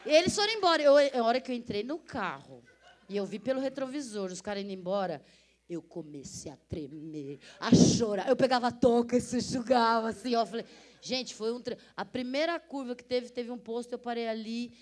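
A woman's voice: a little high, animated, a little fast, a little mellow. A middle-aged woman, an interview guest telling a story with lots of energy, acting out voices and laughing often. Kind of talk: animated storytelling.

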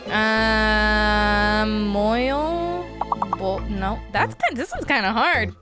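A young woman streaming live, chatting casually with viewers, playful and quick to swear and laugh. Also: a little high. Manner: playful, swears and laughs often, reads chat aloud. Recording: music playing behind voice.

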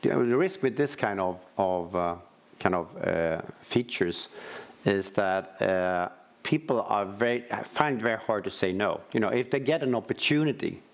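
Halting, gravelly-voiced man on a panel. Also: fairly low pitch. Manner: halting, many restarts and repeated words. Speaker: panelist, financial supervisor. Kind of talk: conference panel talk. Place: large auditorium stage with audience.

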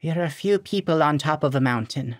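A man's voice: fairly high pitch, expressive, fairly quick, no room sound, clean studio sound, voice pushed up, close to an everyday voice. A man voicing a tired old war veteran with a reedy voice, guarded and blunt. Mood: weary. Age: older.

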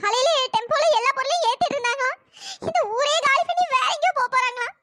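[name], a woman doing a squeaky pleading sister. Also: quick pace, pushed and bright, no room sound. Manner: pleading, earnest. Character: worried young woman, caring younger sister. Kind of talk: cartoon storytelling voice acting.

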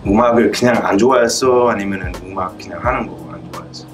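Music plays behind a man's low voice, picked up from some distance. He has a Korean American accent and chats casually as an interviewer, using simple, loose phrasing. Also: fast. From United States. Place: indoor rehearsal room with drum kit.

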